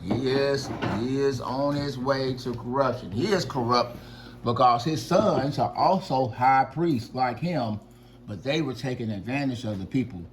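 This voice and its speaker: A man casually retelling a Bible story to his children, lively and slangy, acting out the dialogue. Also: mid-range voice, a little slow. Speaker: father telling a Bible story.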